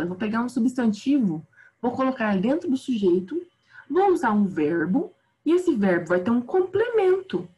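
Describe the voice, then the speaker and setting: A Brazilian woman teaching an online grammar class, chatty and self-deprecating, tired, her voice often trailing off quietly. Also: a little high.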